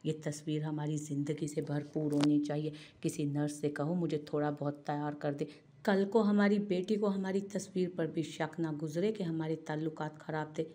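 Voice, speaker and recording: A woman's voice: low voice, fairly even intonation. A woman voicing a frail dying young wife. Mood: tender, pleading. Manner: soft, halting, breathless pleading.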